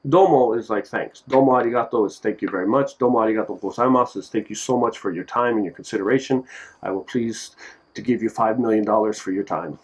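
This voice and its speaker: A man giving a casual lesson on simple phrases, relaxed and joking, repeating each word so it can be drilled. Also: fairly low pitch, fast, slightly rough, low-quality recording. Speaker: language teacher. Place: Japan.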